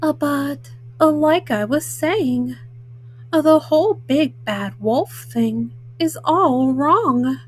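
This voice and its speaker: A woman voicing a folksy, self-justifying male wolf in a storybook, haltingly, with frequent uhs. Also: high-pitched, animated. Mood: self-justifying, matter-of-fact. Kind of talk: storybook read-aloud in first person.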